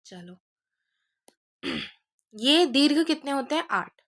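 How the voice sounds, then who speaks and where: A woman's voice: high voice, very animated, a bit bright. Woman teaching Sanskrit. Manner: explains step by step, checks understanding with quick questions; corrects her own slips mid-sentence. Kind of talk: exam-focused classroom lesson.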